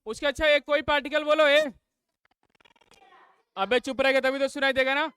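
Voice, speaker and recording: A man's voice: very high voice, fairly even intonation, moderate pace, bright, forceful tone, dry recording. A man teaching a live class. He fires call-and-response questions at his students and scolds the noisy ones.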